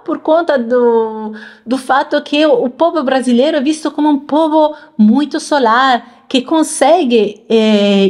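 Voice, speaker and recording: A woman talks casually to her audience, reacting to clips and explaining. Her voice sits slightly high, and she often repeats a word while she searches for the right one. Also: a little mellow. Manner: chatty, repeats words while searching for them. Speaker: channel host reacting to clips.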